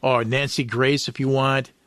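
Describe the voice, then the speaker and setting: A man co-hosting a podcast interview, friendly and enthusiastic, quick to laugh. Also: medium pitch, flat delivery, fairly bright tone, no echo. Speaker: podcast co-host.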